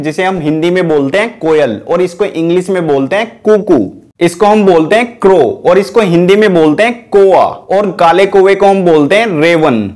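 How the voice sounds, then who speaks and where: A man's voice: high voice, a little mellow. A man teaching English vocabulary to viewers in a chatty way, often calling them guys and correcting himself as he goes. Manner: chatty, keeps saying "guys"; corrects himself mid-lesson.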